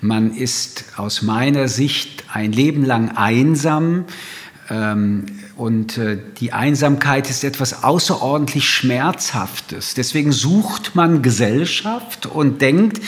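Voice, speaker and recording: A man speaking as a guest in a reflective, philosophical conversation, measured and thoughtful, often pausing with small hesitations. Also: medium pitch.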